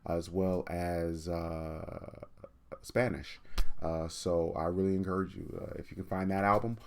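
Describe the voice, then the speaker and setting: A man hosts a livestreamed storytime, chatting informally and reading a children's book aloud in an animated, encouraging way. His voice sits low and he keeps a measured pace. There is slight background noise.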